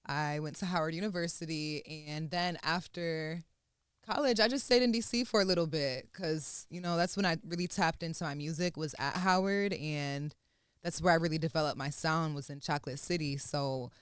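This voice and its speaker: A woman's voice: deep voice, moderate pace, smooth, no room sound. A young adult woman, a musician, chatting as a guest on a talk show in a laid-back, playful, confident way. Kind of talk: casual interview chat.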